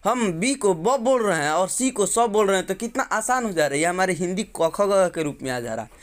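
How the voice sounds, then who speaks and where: A man with a high, light voice teaches English letter sounds in a classroom style. He spells words slowly, letter by letter, and keeps asking the viewer questions. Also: lively intonation. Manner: slow, drawn-out letter-by-letter spelling.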